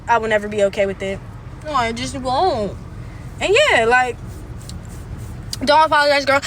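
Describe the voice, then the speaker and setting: A woman's voice: high-pitched, pushed and bright, slight background noise. A young adult woman ranting on a livestream from a car, blunt and profane, circling back over the same points. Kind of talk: livestream rant. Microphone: phone.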